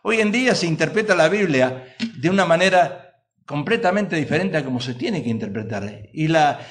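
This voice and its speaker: Male pastor, sermon delivery; lively, emphatic, slightly high register, rhetorical questions to the congregation. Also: moderate pace.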